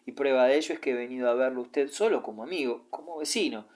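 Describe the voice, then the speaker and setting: A man reading as a gentle old deaf priest. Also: medium pitch, fast talker, close to an everyday voice. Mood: coaxing. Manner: raised, coaxing pastoral tone.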